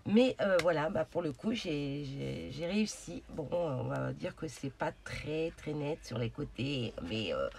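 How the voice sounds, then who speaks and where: Gravelly-voiced woman chatting through a craft demo. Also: sits low, lively intonation, a little slow, few pauses, a little mellow. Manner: chatty, hesitant, many fillers. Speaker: craft channel host. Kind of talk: casual crafting tutorial.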